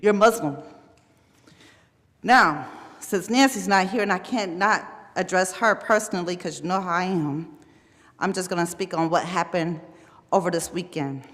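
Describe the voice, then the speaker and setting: A woman giving a confrontational public comment at a council podium, rising to shouting. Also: fairly low pitch, moderate pace, pauses often. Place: city council chamber. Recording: echoey hall with long reverb.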